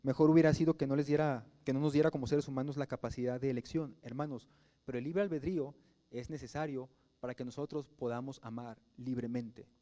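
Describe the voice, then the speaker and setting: A man's voice: medium pitch, fairly even intonation, fairly quick, mellow. A Mexican man preaching a sermon as pastor, talking in a conversational way and putting rhetorical questions to the congregation.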